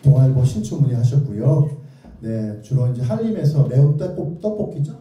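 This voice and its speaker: This children's author and lecturer has a mid-range voice with lively intonation and a brisk delivery, and the highs are cut off. He tells stories dramatically during an interactive lecture, putting either-or questions to the crowd. The distant mic captures a very echoey indoor room.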